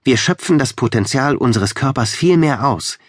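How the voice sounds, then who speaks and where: A man's voice: mid-range voice, animated, moderate pace, husky, no room sound, clean studio sound, pitched above the performer's own voice. A man reading the part of an earnest, worried young woman researcher in an audiobook, lifting his voice for her.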